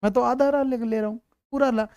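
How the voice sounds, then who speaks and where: Mellow-voiced man teaching grammar. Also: very high voice, steady tone, a little fast, clear, resonant tone, no room sound, dull audio. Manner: repeats points, keeps checking if students follow; calls students "beta", reassuring. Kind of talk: online class lecture.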